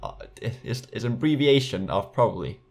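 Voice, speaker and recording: Faint music plays behind a young adult YouTuber from Denmark as he reads comments aloud for a casual vlog in his small bedroom, using a USB desk mic. He has a slight Danish accent and a mid-range, expressive voice with vocal fry, speaking a little fast. Sarcastic, laughing asides and many restarts fill the clip.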